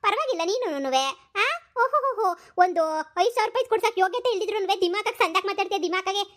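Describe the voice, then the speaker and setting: A woman's voice: very high-pitched, rapid-fire. A woman voicing a sulky, vain young wife from a village who has started college, whining and snapping in a cartoon comedy. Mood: mocking. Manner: whiny, sulking, sharp-tongued.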